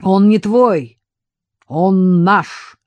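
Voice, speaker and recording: A woman voicing a hungover, boisterous young man who is loud, sneering and drunkenly slurring, in an audiobook. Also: medium pitch, animated, a little slow, no room sound, pitched above the performer's own voice, close to an everyday voice.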